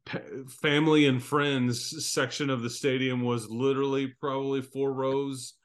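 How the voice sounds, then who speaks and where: A man's voice: medium pitch, little pitch movement, moderate pace. Rambling man in his fifties reminiscing. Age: 50s. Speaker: podcast host. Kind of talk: casual sports podcast chat.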